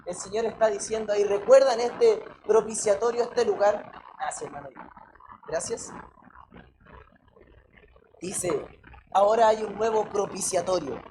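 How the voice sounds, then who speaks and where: A Chilean woman preaching with emphatic force, throwing rhetorical questions at her congregation and calling each listener brother. Her voice sits at a middle pitch for a woman. A steady layer of background noise runs under the church recording. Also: unhurried, long pauses. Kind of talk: sermon.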